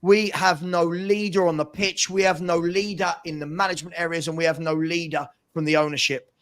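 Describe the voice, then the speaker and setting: A man's voice: on the high side, fairly even intonation, fairly quick, fairly bright tone. A man giving a passionate, exasperated opinion rant as a football fan pundit, hammering points home with emphatic repetition. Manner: emphatic, repetitive rhetorical delivery.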